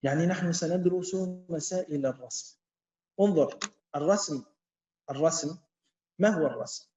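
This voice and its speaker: A man teaching a lesson to a class, talking slowly, repeating himself and quizzing students. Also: fairly high pitch, dark tone. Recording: echoey, dull-sounding classroom.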